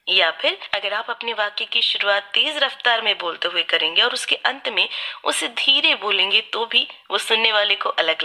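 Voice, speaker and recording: A woman giving a scripted book-summary narration in a clear, steady, explanatory way. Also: a little high.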